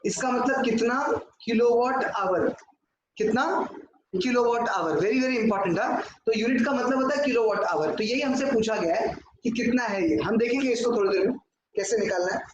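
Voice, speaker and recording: A man's voice: very high-pitched, normal speed, highs cut off. A man teaching a class, working through sums on a board and putting questions to the students that he then answers himself. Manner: talks at a board, asks and answers his own questions, mixes in English. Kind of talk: classroom lecture. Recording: echoey room with clear noise.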